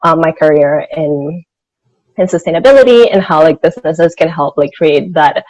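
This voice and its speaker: Speaking at a normal speed in a low, slightly mellow voice, this interview guest is a senior financial analyst from Venezuela in her thirties. She answers conversationally and informally, with plenty of "like" in her sentences. The recording sounds muffled but has no echo.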